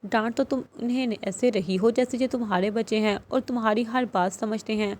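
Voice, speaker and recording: A playful, teasing young man in a storybook reading, voiced by a woman narrator. The voice is fairly high and light. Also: steady tone, darkish tone, a little hiss or hum, lightly acted.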